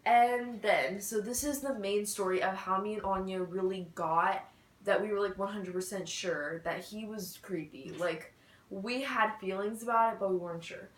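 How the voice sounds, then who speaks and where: A woman's voice: mid-range voice, normal speed, echoey room, low-quality recording. A teenage girl telling a story in a casual vlog chat, full of "like" fillers. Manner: chatty, many "like" and "so, yeah" fillers. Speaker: vlogger.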